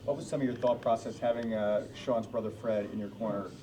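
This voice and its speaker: A man's voice: on the low side, a little fast, distant mic, crowd noise. A man working as a reporter, asking casual questions at a press interview. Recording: off-mic voice in crowded room.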